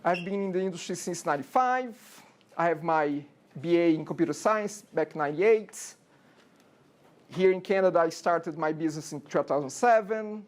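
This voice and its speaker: A high-voiced programming teacher from Brazil, in his forties, delivers an informal lecture in a university classroom. He speaks with a Brazilian accent and often asks "okay?" along with rhetorical questions.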